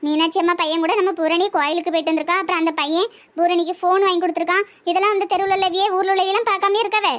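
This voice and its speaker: A woman's voice: very high voice, level tone, rapid-fire, lo-fi sound. A woman doing a coaxing village daughter with a Tirunelveli accent. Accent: Tirunelveli Tamil. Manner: coaxing, reasoning, gently pleading. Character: patient adult daughter, a coaxing mother. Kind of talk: cartoon voice acting.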